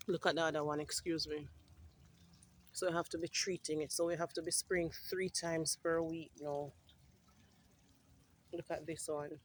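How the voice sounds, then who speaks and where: A woman giving a passionate walking tour of a greenhouse, often adding "right?" to her points and clearing her throat now and then. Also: sits low, steady tone, measured pace, pauses often. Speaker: farm project representative. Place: inside a greenhouse.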